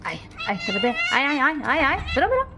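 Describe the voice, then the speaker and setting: A woman filming her pets at home at night, coaxing and scolding them in a lively, affectionate way. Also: high-pitched, racing, noisy background. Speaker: pet vlogger. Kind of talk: casual vlog narration.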